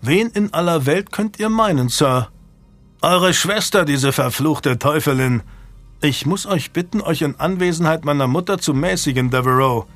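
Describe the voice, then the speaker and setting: A man's voice: on the high side, animated, unhurried, a bit bright, no room sound, faint music behind, pitched above the performer's own voice. A man reading an audiobook voices a young medieval lord who speaks in a mocking, cutting way. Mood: sardonic. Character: young medieval lord, sharp-tongued and protective.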